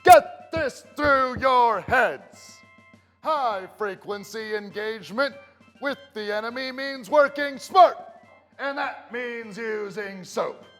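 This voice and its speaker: Drill sergeant yelling orders, high voice, long echo behind. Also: male voice, full character voice. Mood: commanding. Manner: shouted military commands, drawn-out emphatic delivery. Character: barking, strict male army drill sergeant. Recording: long reverb with music underneath.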